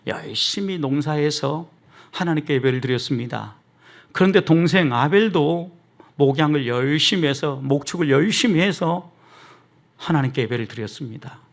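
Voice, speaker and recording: Man, pastor, sermon, lively pitch, slightly high voice, hushed-to-raised emphasis. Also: moderate pace, gravelly. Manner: lively preaching with dramatic quoted asides.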